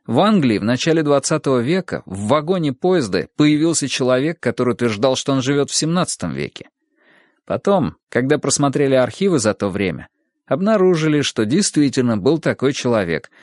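Lively male audiobook narrator. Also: mid-range voice, no room sound, clean studio sound. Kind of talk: first-person audiobook narration.

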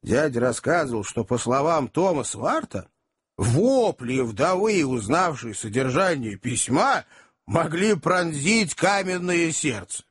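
A man narrates an audiobook as a chatty first-person storyteller, speaking as if to gentlemen gathered around him. His voice is slightly husky and a little higher than most men's. His pitch moves in lively swings. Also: slow pace.

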